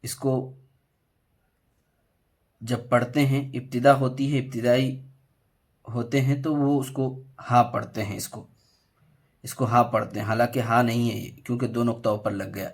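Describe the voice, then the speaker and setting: A man teaching a Quran reading lesson, chanting letter names slowly and clearly, then explaining in a quick low murmur, with an Indian Urdu accent. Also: little pitch movement. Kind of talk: recited letter drill with quick spoken explanations.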